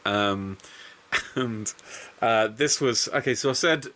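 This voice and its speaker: A man's voice: mid-range voice, slow, sharp tone. A man hosting a casual podcast, recapping a wrestling show with swearing and rambling asides. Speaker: podcast host.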